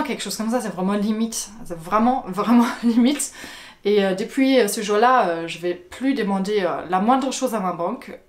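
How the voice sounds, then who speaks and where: A woman from Germany with a German accent, telling personal stories casually to her viewers, with many hesitations and repeated words. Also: mid-range voice. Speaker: vlogger. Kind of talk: casual personal storytelling to camera.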